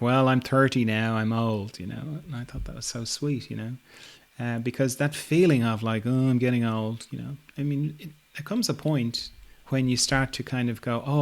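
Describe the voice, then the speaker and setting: A middle-aged man hosting a reflective podcast, speaking at an ordinary pitch for a man. His talk is relaxed and musing, loosely strung together with "you know" and gentle laughs. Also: vocal fry. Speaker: podcast host.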